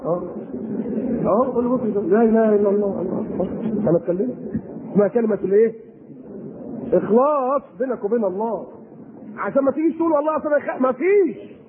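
A man with an Egyptian Arabic accent preaching an animated sermon, firing rhetorical questions at his audience. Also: high-pitched. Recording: tinny lo-fi recording with faint noise.

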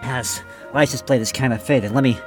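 A man's voice: medium pitch, steady tone, normal speed, faint music behind. A man co-hosting a comedy podcast, rambling through a mocking, mock-dramatic bit in casual chat. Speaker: podcast co-host.

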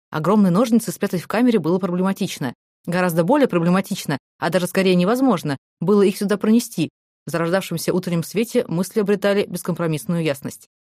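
A woman narrating a novel as an audiobook in a brisk, even storytelling manner. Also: on the low side, no echo, clean studio sound. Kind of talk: scripted narration.

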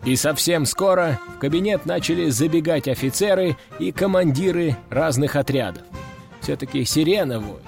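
Wry male audiobook narrator, higher voice. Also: lively intonation, moderate pace, gravelly, darkish tone, faint music behind. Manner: wry, ironic storytelling. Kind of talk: first-person audiobook narration.

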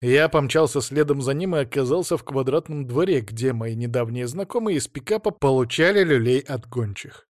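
A man narrating a fantasy novel in the first person with brisk, vivid delivery. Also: mid-range voice, lively intonation, dry recording, studio quality.

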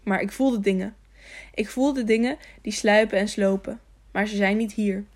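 A woman's voice: medium pitch, steady tone, normal speed, natural voice. A woman voicing a lonely, simple-minded young man who asks childlike, repetitive questions. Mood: eager.

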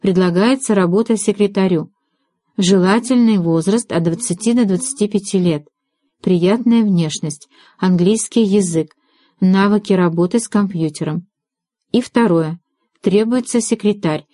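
A woman narrating an audiobook in an even storytelling manner. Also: medium pitch, measured pace, dry recording, studio quality. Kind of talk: scripted narration.

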